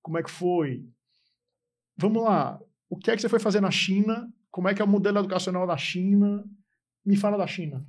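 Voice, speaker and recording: A man hosting an interview podcast, asking his questions in quick bursts and cutting in often. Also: high-pitched. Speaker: podcast host.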